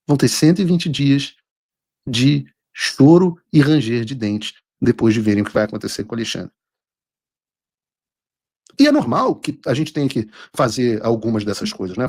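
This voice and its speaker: A man with a Brazilian accent and a husky voice, hosting a live political show with commentary and read-out texts. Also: medium pitch, no room sound, clean studio sound.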